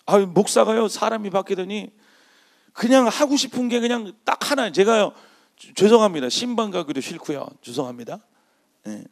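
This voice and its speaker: Middle-aged male pastor, gravelly and slightly high, preaching a sermon in a church with swings from soft to shouted. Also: normal speed. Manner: animated preaching that swings from quiet storytelling to loud shouted calls. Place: church sanctuary.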